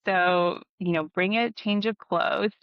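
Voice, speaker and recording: In her thirties, this woman co-hosts a podcast, chatting casually and offering practical tips with frequent ums. Her voice is medium-pitched, steady, slow, clear and resonant, with no room sound, though the podcast audio is dull and dry.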